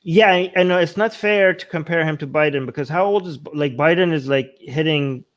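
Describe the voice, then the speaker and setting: A man from Iran, a native Persian speaker, hosts a talk show and offers casual political commentary, rambling and frequently rephrasing himself. His voice is fairly high and he speaks a little fast.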